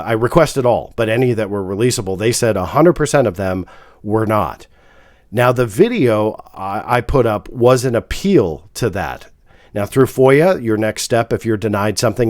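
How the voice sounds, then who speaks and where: A man's voice: on the low side, a little mellow, no echo, clean studio sound. A man hosting his own channel, talking frankly with a nasal voice from a cold and lots of "uh" fillers. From California. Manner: frank, apologetic, frequent fillers. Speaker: host. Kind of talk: casual video commentary.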